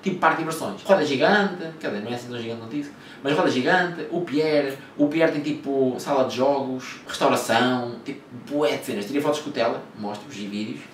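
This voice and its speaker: A man's voice: medium pitch, fast, hardly any pauses, a little hiss or hum. Rambling young man with a Lisbon accent, echoey room. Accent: European Portuguese, Lisbon slang. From Portugal. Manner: slangy, swears a lot, rambling with fillers. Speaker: vlogger. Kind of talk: casual storytelling. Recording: echoey room, mic at a distance.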